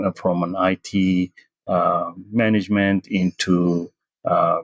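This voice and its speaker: Middle-aged man, very low voice, gravelly and husky, dry close sound, halting answers. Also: no room sound. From Sudan, raised in the US. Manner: hesitant, many fillers and restarts, slow pace. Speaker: interview guest, tech consultant. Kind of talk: casual interview answers.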